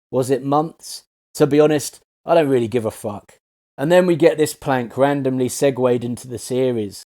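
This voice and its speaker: A man's voice: medium pitch, dark tone. A man reading a scripted review voice-over of a TV series, sarcastic and full of swearing. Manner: sarcastic, profane, ranting.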